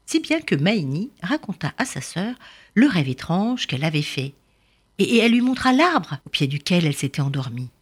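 Expressive woman telling a storybook tale. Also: moderate pace, slightly rough. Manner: expressive, animated reading with swooping pitch. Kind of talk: storybook narration for children.

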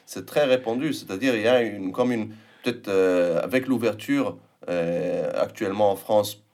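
A man's voice: fairly low pitch, moderate pace, a little mellow. A man interviewing a guest, building his questions step by step and in a considered way.

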